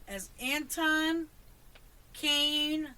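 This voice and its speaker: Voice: high voice, fairly even intonation, extremely slow, sharp tone. A player chatting casually and role-playing in a tabletop fantasy game.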